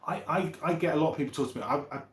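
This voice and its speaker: Racing along in a voice on the high side, a man in his fifties hosts a laid-back live stream. He reads out and answers viewer comments in a chummy, wandering way, thinking as he goes, and the sound is roomy and echoey.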